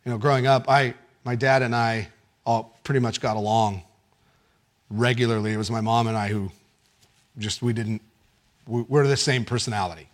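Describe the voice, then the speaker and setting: A male pastor preaching a sermon, telling stories with animated swings from excited shouts down to hushed, quiet lines. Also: mid-range voice, moderate pace, pauses often.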